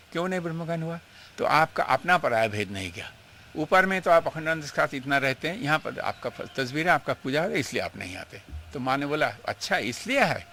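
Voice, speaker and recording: A man's voice: on the high side, pushed and bright, a little hiss or hum. Earnest older man reminiscing. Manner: emotional, earnest storytelling, mixing in English phrases. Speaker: swami recalling his guru. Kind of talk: reminiscing interview.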